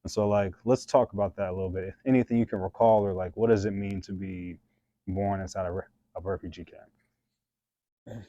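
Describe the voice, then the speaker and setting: Man interviewer, low dark voice, rambling laid-back questions, dull muffled recording. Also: fairly even intonation, normal speed. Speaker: host. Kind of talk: casual interview.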